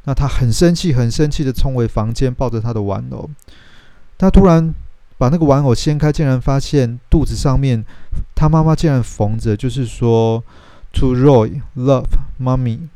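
A man's voice: mid-range voice, normal speed, dark tone, smooth, dry recording. A man, telling the plot of a film in a casual, chatty way and acting out the characters' lines. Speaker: host retelling a film plot. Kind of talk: casual storytelling film recap.

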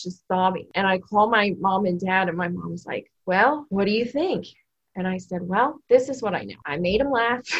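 A woman in her thirties, an assistant principal, telling a personal story in an energetic, emotional way, full of restarts and fillers. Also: a little high, highs cut off. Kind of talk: personal storytelling in a podcast interview.

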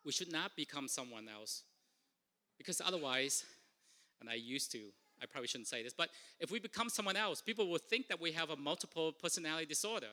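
Earnest and fairly quick, a Vietnamese-accented man preaches as pastor, his voice on the high side, pushed and bright. He frequently repeats himself and starts phrases over, with a large hall's long reverb in the recording.

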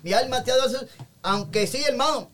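A male evangelist with a notably high voice, telling his testimony with fervor. He keeps dropping short praise phrases between his sentences, in a warm conversational interview pace. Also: fast talker. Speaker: evangelist guest.

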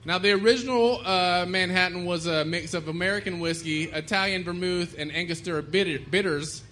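A man's voice: high voice, brisk, sharp tone, a little hiss or hum. A man hosting a live comedy trivia show on a bar stage, joking and laughing between lines. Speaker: game show host. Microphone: stage microphone.

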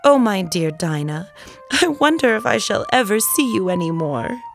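A woman's voice: medium pitch, expressive, normal speed, gravelly, faint music behind, pitched above the performer's own voice. Alice, a woman doing an earnest young girl. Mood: melancholy. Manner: earnest, pleading. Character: curious polite young girl.

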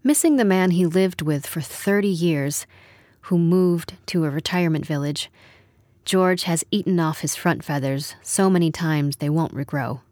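A woman narrating a literary story in a measured, wry storytelling manner. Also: low voice, darkish tone, no room sound, clean studio sound. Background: music.

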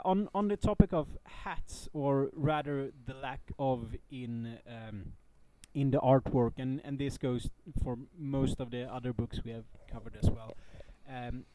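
Male co-host, soft dark tone, medium pitch, casual hesitant talk. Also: poor audio. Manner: hesitant, halting. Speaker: podcast co-host. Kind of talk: casual podcast chat.

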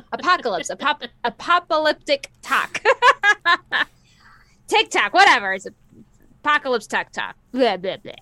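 Bright, giggly young woman. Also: high voice, big pitch swings, takes it slowly, no room sound. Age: 20s. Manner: giggly, stumbling over words. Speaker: podcast co-host. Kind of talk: casual chat.

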